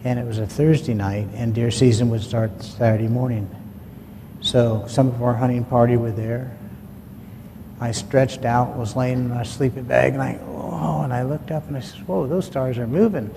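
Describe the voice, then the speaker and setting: A man's voice: mid-range voice, fairly even intonation, moderate pace, gravelly. A man recounting a personal story in a folksy, plain-spoken way, acting out what his dad said. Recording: long hall reverb, faint ambient noise.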